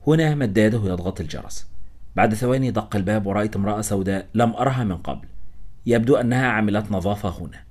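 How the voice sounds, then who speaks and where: A man narrating a first-person story as a scripted audiobook reading, with a steady storytelling manner. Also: lowish voice, quick pace.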